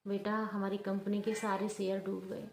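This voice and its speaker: A woman's voice: mid-range voice, little pitch movement, moderate pace, a little mellow, a little hiss or hum, lightly acted. A woman voicing a worried middle-aged father speaking in a heavy, subdued way. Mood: despairing. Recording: roomy echo.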